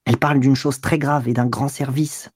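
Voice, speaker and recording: A man's voice: mid-range voice, steady tone, moderate pace, darkish tone, husky, no echo, clean studio sound, close to an everyday voice. A man voicing a brusque, cynical young lover who answers coldly and harshly in an audiobook. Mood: grumbling. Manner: brusque, sneering.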